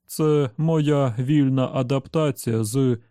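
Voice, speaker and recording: A self-satisfied robot servant with a prissy, sanctimonious manner speaks slowly, as a man puts him on. The voice is dark and mellow, recorded close and dry like a storybook audiobook. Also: medium pitch, dry recording, natural voice. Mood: smug. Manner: self-satisfied, prim, falsely caring. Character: smug pious male robot servant.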